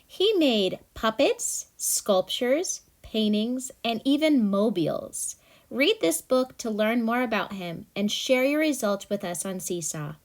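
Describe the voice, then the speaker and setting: This woman's voice sits fairly high and is very animated, though she takes her time. She's a teacher giving kids an easygoing how-to lesson at home, explaining things plainly and frequently stopping to ask questions.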